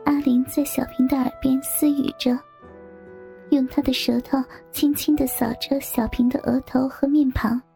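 Female story narrator, high pitched, gravelly, hushed reading, faint background music. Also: level tone, moderate pace. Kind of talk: scripted narration of an erotic story.

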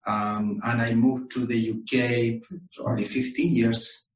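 Man, interview guest, measured pauses, echoey room, distant mic. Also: medium pitch, flat delivery. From Chile. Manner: measured, pausing often with ums and uhs. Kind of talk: professional interview answers.

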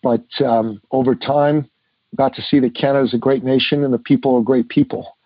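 A man's voice: medium pitch, fairly even intonation, fairly quick, breathy edge, no room sound, highs cut off. A man in his fifties, born in Iran, telling his life story earnestly as a guest author in a podcast interview, with frequent "uh" fillers. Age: 50s.

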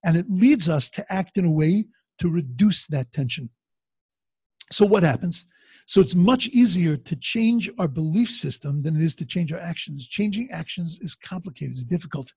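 A man giving an informal religious lecture like a teaching rabbi, conversational and halting, repeating phrases and posing questions that he answers himself. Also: on the high side, expressive, vocal fry, darkish tone, breathy edge, no echo, clean studio sound.

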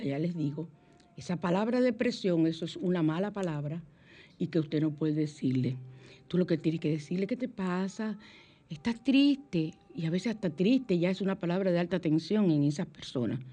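A woman's voice: on the low side, mellow, slightly rough. A middle-aged woman, a psychologist hosting a conversational radio show, who acts out quoted dialogue in a raised voice. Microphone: studio microphone.

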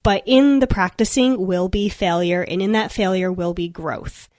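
A young woman talks through advice for students in an upbeat, chatty way, often laughing. Her voice sits at an ordinary middle pitch. The sound is dry and close, with no room around it. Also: moderate pace, darkish tone, dry recording. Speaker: veterinarian guest speaking to students. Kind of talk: podcast talk, advice monologue. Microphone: computer microphone.

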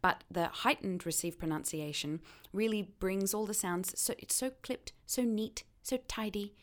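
A woman voice coach explaining accent features in casual talk, hesitant with many pauses. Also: medium pitch. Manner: hesitant, many ums, enthusiastic about sounds.

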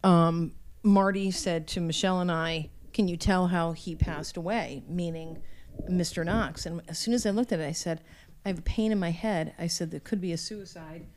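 A woman's voice: on the low side, moderate pace, few pauses, a little mellow, slight background noise. A woman chatting and asking questions in a casual conversational interview. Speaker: podcast interviewer.

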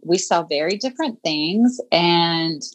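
A boutique owner in her fifties appears as a guest on a podcast, talking in a casual interview. Her voice sits on the low side with lively intonation and an unhurried pace. She comes across chatty and reflective, using many fillers.

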